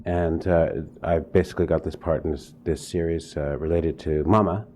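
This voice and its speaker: A man's voice: low-pitched, fairly even intonation, normal speed, dark tone, a little hiss or hum. A man, an actor, chatting in an interview, rambling with many fillers and restarts. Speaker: actor guest. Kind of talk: casual interview chat.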